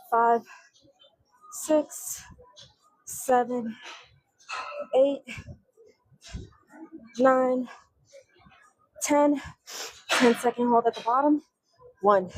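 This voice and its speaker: A woman's voice: high-pitched, dry recording, low-quality recording. Breathless woman counting gym reps. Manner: strained, breathy counting between effort grunts. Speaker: fitness vlogger. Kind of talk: counting reps during a workout.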